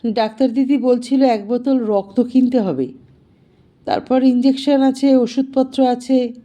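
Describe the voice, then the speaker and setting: A woman voicing a humble female house servant who speaks softly and slowly, pleading for help. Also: a little high, close to an everyday voice.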